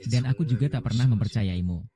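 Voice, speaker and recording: A man voices a dubbed short drama, reading every character's lines himself. His tone is very dark and mellow, and he keeps much the same voice from role to role. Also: fairly low pitch, fast talker.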